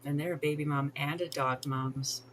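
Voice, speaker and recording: A woman's voice: sits low, fairly even intonation, normal speed. A woman streaming a life-sim game, chatting casually, giggling and talking to the characters on screen. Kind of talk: casual gameplay commentary.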